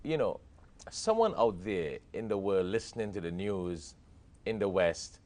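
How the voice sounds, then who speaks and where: Low-voiced interview host. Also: male voice, sing-song, unhurried, darkish tone. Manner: probing, interjects with short affirmations. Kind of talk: interview questioning.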